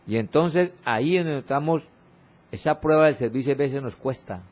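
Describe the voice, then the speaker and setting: A man preaching a sermon, reading scripture slowly and repeating exhorting refrains, with his voice often dropping low and soft for emphasis. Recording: radio broadcast of a church sermon.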